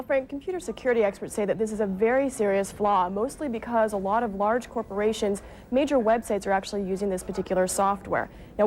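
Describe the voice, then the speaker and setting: A woman's voice: medium pitch, a little mellow, a little hiss or hum. A woman with an American accent reporting live for television news, moving between explanation and scripted narration.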